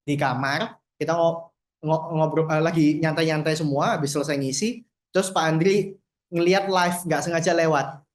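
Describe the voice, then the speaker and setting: A man's voice: on the high side, fairly even intonation, moderate pace. Male workshop trainer, casual, quizzes the room, echoey hall sound. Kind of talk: workshop lesson.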